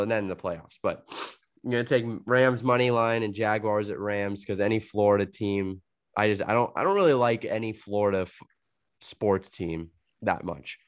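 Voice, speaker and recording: A young man with a head cold, talking loosely and laughing his way through a podcast chat. His voice sits on the low side, and the sound is dry and close with almost no room around it. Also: no echo. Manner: rambling, heavy filler "like", laughs a lot. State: sick with a cold, coughing. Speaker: podcast co-host. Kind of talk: casual chat.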